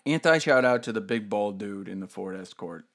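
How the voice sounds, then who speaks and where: A man co-hosting a casual chat, telling a story in an animated, profane way with bursts of laughter. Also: fairly low pitch, moderate pace. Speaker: podcast co-host.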